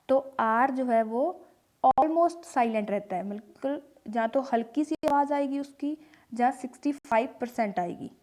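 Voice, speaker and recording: Slow, higher-pitched woman teaching English words. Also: a little mellow. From India. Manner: slow, deliberate, repeats example words. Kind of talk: explaining English pronunciation in Hindi.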